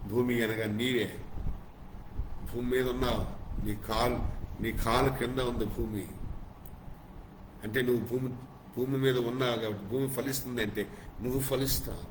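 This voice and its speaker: A male pastor preaching a sermon, stacking short emphatic phrases into lists and dropping to softer, reflective passages. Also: medium pitch, fairly even intonation, moderate pace, long pauses, roomy sound, noisy background.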